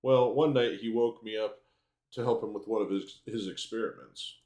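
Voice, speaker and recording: A low-pitched, chatty severed head, played by a man reading game dialogue aloud. It speaks in courteous archaic phrases and sounds entirely unbothered by having no body. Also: fairly even intonation, moderate pace, darkish tone, roomy sound, lightly acted. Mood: chatty, pleased. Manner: archaic, polite, unbothered speech. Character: cheerful, talkative severed head of a male assistant.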